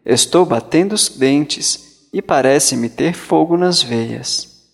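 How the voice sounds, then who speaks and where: A man's voice: fairly high pitch, takes it slowly, vocal fry, husky, big-room sound, full character voice. A man voicing a frightened, guilty mother who speaks fearfully. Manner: fearful pleading.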